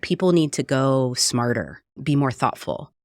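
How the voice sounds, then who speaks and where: A woman from Puerto Rico with a bass, sing-song voice talks at a measured pace in a conversational interview. The cookbook author and radio producer comes across as earnest and reflective, frequently adding "right?", in echo-free, studio-quality sound.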